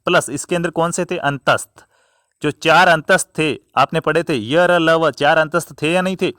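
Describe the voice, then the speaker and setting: A man's voice: fairly high pitch, fairly even intonation, normal speed, sharp tone, no room sound, clean studio sound. A man teaching a lesson, asking questions and answering them himself, repeating key terms and stretching them out for emphasis. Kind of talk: classroom lesson on grammar.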